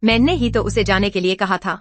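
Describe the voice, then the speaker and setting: An actress dubbing a young heiress in a drama, flustered and scolding. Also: female voice, medium pitch, a little fast, soft background music, lightly acted. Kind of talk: dubbed drama dialogue.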